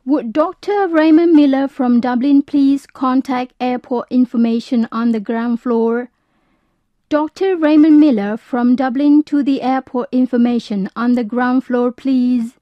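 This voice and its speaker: A woman's voice: high voice, measured pace, no echo. A woman playing a formal airport announcer reading scripted announcements on a lo-fi recording.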